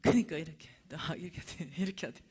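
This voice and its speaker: A middle-aged woman, lecturing at a church and telling a personal testimony with animated storytelling. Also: deep voice, rapid-fire. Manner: animated storytelling, acting out dialogue.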